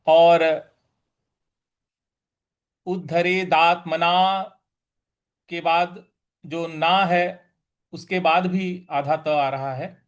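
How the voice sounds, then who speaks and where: A man with a fairly high voice leads a recitation lesson. He explains each syllable patiently and chants the words at an extremely slow, drawn-out pace. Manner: patient, explains stress then chants each word slowly. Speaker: teacher of Gita recitation.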